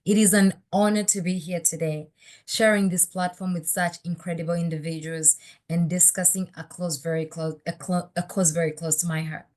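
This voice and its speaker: A woman's voice: fairly low pitch, little pitch movement, normal speed, a little mellow. A woman from Uganda, a board member, reading a prepared speech at a virtual event and introducing the next speaker. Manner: formal, reading a prepared speech with small slips.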